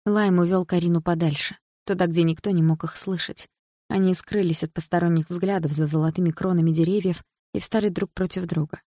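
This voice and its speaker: A woman narrating an audiobook in a measured, even storytelling manner. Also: fairly low pitch, no echo, studio quality.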